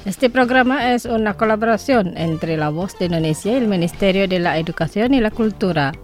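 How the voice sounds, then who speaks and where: A woman presenting a scripted radio language lesson. She speaks slowly and carefully and says each word twice for listeners to repeat. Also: medium pitch, animated, soft background music.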